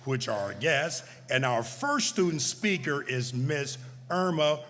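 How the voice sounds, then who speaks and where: A man's voice: fairly high pitch, lively intonation, takes it slowly, fairly bright tone. A middle-aged man hosting a graduation ceremony, speaking casually with stammers, restarts and laughing asides. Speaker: ceremony host. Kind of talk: ceremony remarks. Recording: reverberant hall, faint noise.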